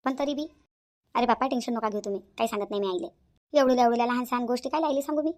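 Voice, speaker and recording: A woman's voice: a little high, very fast, a little mellow, close to an everyday voice. A woman voicing an eager, helpful young sister-in-law in a cartoon.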